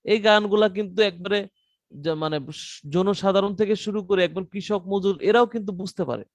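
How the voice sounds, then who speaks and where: A man teaching an online class in a loose, conversational way, often pausing to rephrase. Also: high voice, no room sound. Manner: conversational teaching with frequent fillers and restarts. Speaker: content writing trainer.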